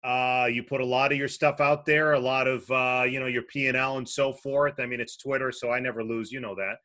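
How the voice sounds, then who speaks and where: A man's voice: medium pitch, flat delivery, brisk, pushed and bright. A man hosting a casual chat, talking in loose, rambling sentences with frequent restarts and some swearing. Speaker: host.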